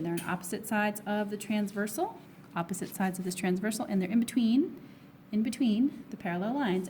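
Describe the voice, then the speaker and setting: A woman teacher losing her voice, a little hoarse and coughing now and then, talks through geometry review problems one step at a time. She keeps putting questions to her students and answering them herself, at an ordinary pitch, with a faint hiss behind her. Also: warm tone. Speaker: math teacher. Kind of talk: recorded test review lesson.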